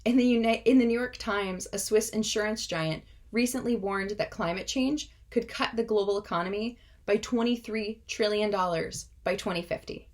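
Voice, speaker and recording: A woman in her twenties, a native Russian speaker with a mid-range voice, gives a prepared speech. Her delivery is earnest, measured, and impassioned.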